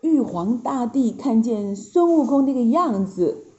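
A woman narrating a classic tale for children, slow and expressive, speaking directly to her listeners. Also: a little high, highs cut off. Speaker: storyteller.

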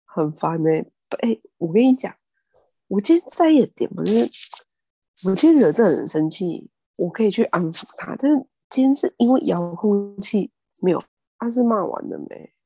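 A woman's voice: medium pitch, lively intonation, normal speed, mellow, breathy edge, no room sound. A woman co-hosting a casual chat podcast, often agreeing with short replies. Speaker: podcast co-host.

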